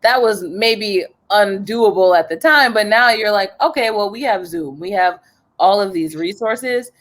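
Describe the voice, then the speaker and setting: A woman's voice: mid-range voice, measured pace, fairly bright tone. A young woman from New Jersey, a journalist, talking in an upbeat, chatty way and laughing often as a guest on a video call interview. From New Jersey, USA.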